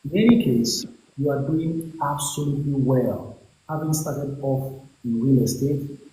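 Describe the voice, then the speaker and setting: Nigerian English male host, encouraging sales-pitch coaching, mellow tone, roomy echo, faint hiss. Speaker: investment coach and livestream host. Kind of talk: live call-in coaching session. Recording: echoey room with faint hiss.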